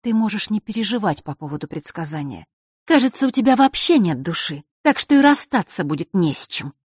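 An audiobook reader voicing a sharp-tongued young girl who answers with snide, cold retorts. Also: medium pitch, very animated, brisk, slightly rough, dry recording, studio quality, pitched above the performer's own voice. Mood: mocking.

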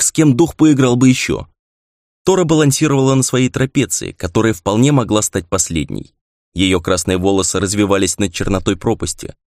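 A man narrating a fantasy novel as an audiobook in a measured, expressive reading. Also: on the low side, no room sound, studio quality.

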